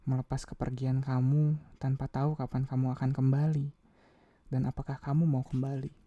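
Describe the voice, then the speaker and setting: A man reading a novel aloud, voicing an anxious young woman who pleads softly, half whispering. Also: rumbling low, flat delivery, normal speed, no echo, highs cut off. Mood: anguished.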